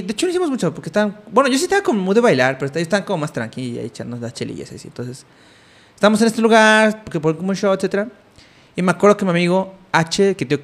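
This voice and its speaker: Telling a story casually, a young man with a high voice and a Mexican Spanish accent wanders through it with plenty of fillers and false starts.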